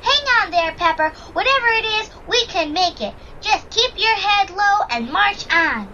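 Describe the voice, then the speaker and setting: Woman as Wings, plucky childlike sled dog, very high. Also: animated, measured pace, sharp tone, full character voice. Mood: reassuring. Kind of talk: children's audio drama acting. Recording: dull recording with faint noise.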